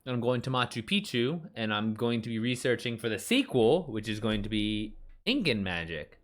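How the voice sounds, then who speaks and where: A man's voice: medium pitch, very animated, normal speed. Man in his thirties, author, casual live-stream chat, rambling, full of fillers, talks back to chat. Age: 30s. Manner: rambling, chatty, many fillers and restarts. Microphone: streaming mic.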